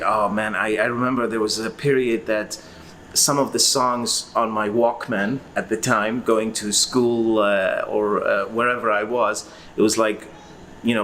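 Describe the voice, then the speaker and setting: In this casual interview, a man in his forties from Iraq, a guest who collects records, rambles and hesitates through his story with plenty of fillers. His voice sits on the low side and sounds a bit bright, with slight background noise.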